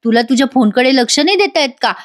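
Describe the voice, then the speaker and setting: A woman doing a nervous young man who hushes and dodges, pitched a little high. The reading stays light and close to her own voice. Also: animated, quick pace, no room sound.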